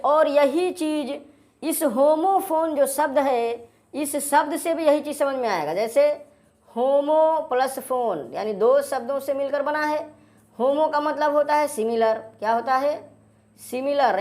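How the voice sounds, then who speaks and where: A woman teaching English grammar, repeating key phrases slowly and checking in with "right?". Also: high voice. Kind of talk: classroom-style lesson explaining definitions.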